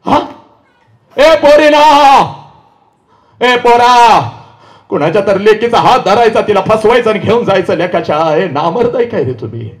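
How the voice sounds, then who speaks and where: Man, high voice, public speaker, impassioned lecture, shouting and pleading, live audience. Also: lively intonation, normal speed. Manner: shouting, pleading, scolding directly. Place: live event before an audience.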